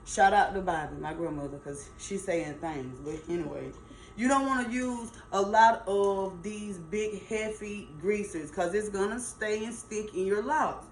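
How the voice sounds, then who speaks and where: A woman's voice: medium pitch, measured pace. A middle-aged woman gives casual, chatty advice as a hair stylist, emphatic and folksy, repeating points for stress. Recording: roomy echo, faint background noise.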